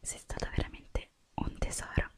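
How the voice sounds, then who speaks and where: A young woman whispering softly through an ASMR roleplay as a makeup artist, gently guiding the listener step by step. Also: moderate pace.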